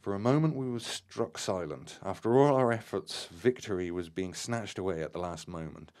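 A man's voice: low voice, animated, moderate pace, a little mellow. A man reading and retelling a story on a podcast, hesitant, with fillers and restarts between passages.

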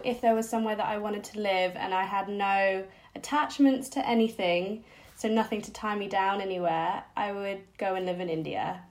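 A woman's voice: mid-range voice, a little mellow. Reflective woman telling her story. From Singapore-born, raised abroad. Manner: reflective, hesitant, many fillers and restarts. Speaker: podcast guest. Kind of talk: personal storytelling interview.

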